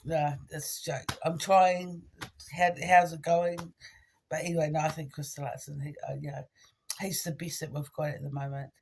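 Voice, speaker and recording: Low-voiced woman, halting and giggly. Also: little pitch movement, a little mellow, breathy edge. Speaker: amateur comedian. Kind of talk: informal stand-up attempt for social media, casual rambling.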